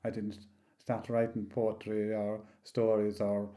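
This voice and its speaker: A man in his sixties with a rural County Limerick Irish accent, telling anecdotes in a halting, rambling, casual way. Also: fairly low pitch, completely flat delivery, mellow. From County Limerick, Ireland. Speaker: interview guest, local storyteller. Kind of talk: oral history reminiscence, casual storytelling.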